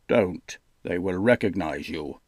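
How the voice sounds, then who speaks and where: A grave male guardian speaks low and unhurried, his deep voice kept hushed as if he is sharing secrets, as an audiobook narrator puts him on. The sound is close and dry, with no room around it. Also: animated, no room sound, exaggerated voice. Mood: grave urgent. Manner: low, slow, hushed delivery. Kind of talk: audiobook character voice.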